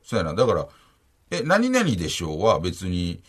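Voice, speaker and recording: A man's voice: low-pitched, wildly swooping pitch, slightly rough. A man with a Kansai accent, co-hosting a podcast, chatting casually and reading out listener letters. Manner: reads listener letters, quick banter. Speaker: podcast co-host. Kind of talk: casual chat.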